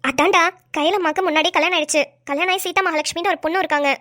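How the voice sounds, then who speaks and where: A woman voicing a bossy, sharp-tongued young wife who scolds and trades insults in a cartoon. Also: very high voice, steady tone, very fast, dry recording, clean studio sound. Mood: scolding. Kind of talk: cartoon voice acting.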